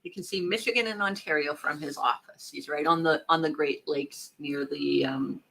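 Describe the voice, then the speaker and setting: A woman from Newfoundland co-hosting a live trivia stream, cheerful and quick to laugh. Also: sits low, creaky, a bit bright. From Newfoundland, Canada. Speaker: co-host.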